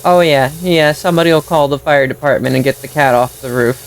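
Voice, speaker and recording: A woman's voice: a bass voice, a little fast, slight background noise, rough recording. A woman streaming a game, muttering dry sarcastic remarks and playfully meowing now and then. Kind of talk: casual gameplay commentary.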